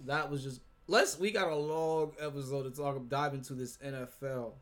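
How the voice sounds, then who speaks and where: A man's voice: medium pitch, fairly even intonation, moderate pace. A young man hosting a casual sports podcast, steering the discussion with slangy frat-bro talk.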